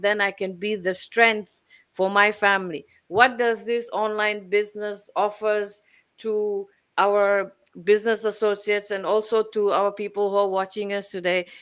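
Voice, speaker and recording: A woman in her forties presents on a live stream as a business mentor. Her voice is smooth and clear, and she talks in a formal, measured way. Her pitch stays flat and level. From Fiji.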